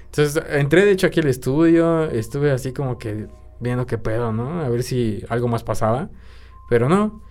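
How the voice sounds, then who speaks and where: A man's voice: mid-range voice, animated, moderate pace, darkish tone. A man with a Mexican accent, hosting a podcast and telling a story in slangy casual chat. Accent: Mexican Spanish. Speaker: podcast host. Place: home studio.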